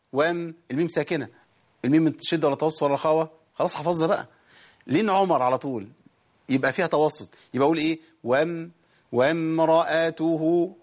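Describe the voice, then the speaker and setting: In a televised studio lesson on Quran recitation, a man with an Egyptian Arabic accent fires quick questions at viewers, then draws the words out slowly. His voice is on the high side.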